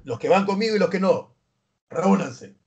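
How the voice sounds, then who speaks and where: Male teacher playing cocky young duke who loves war, slightly high voice, boastful. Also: lively intonation, moderate pace, a little mellow, dull audio. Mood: commanding. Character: blood-loving young medieval duke, brash.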